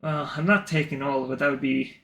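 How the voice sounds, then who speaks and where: A man voicing a weary male elk barbarian warrior, speaking slowly in a tired, resigned way during a tabletop game. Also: medium pitch, steady tone, vocal fry. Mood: calm. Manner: tired, measured, quietly resigned. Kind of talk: tabletop role-play.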